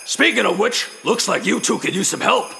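A man voicing a boisterous monster king in a cartoon musical, a brash, teasing villain turned festive helper with a gravelly growl. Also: sits high, animated, moderate pace, exaggerated voice. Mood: smug, teasing. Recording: loud music under the voice.

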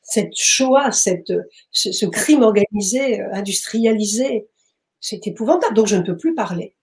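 A woman's voice: medium pitch, lively intonation, a little slow, a little mellow. A woman, an author and medium, tells a personal story in an interview, hesitating and searching for words. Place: bookshop.

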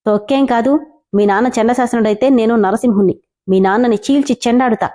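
Audiobook role: narrator doing a cocky, doting young boyfriend, playful and coaxing, mellow tone. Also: female voice, fairly high pitch, quick pace, lightly acted. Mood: teasing. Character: young man in love, teasing, boastful but doting.

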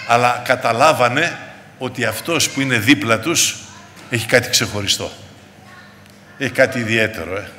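A man's voice: mid-range voice, pushed and bright. A man preaching a sermon with fervor, calling out to his congregation as brothers and sisters. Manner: fervent, repeatedly addressing the congregation as brothers. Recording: reverberant hall with faint background noise.

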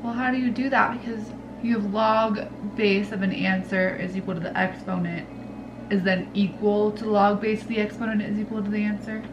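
A young woman vlogging from home as a college student, talking casually and swinging between stressed mumbles and excited chatter. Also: mid-range voice, moderate pace, lo-fi sound, noisy background. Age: young adult. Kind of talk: casual vlog talk.

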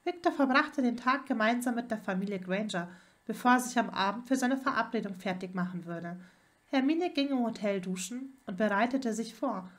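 A woman's voice: on the high side, animated, normal speed. A woman narrating a fan fiction story as an audiobook reader.

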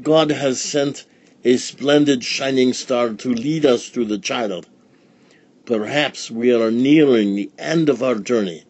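A man's voice: mid-range voice, takes it slowly, a little mellow, husky, voice pushed up. A man voicing an old wise traveler in a storybook, stately and solemn. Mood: awed.

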